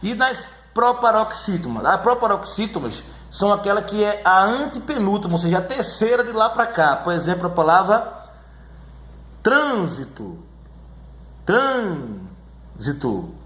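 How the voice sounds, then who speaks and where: Man, teacher, slightly high voice, echoey room. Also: sing-song, a bit bright. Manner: slow, repeats words and checks in with "certo?". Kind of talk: classroom lesson on syllables.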